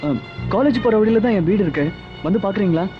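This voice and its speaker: A sly, wheedling auto driver. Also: male voice, high-pitched, lively intonation, fast, highs cut off, music in the background. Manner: wheedling, pleading. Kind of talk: comic film acting.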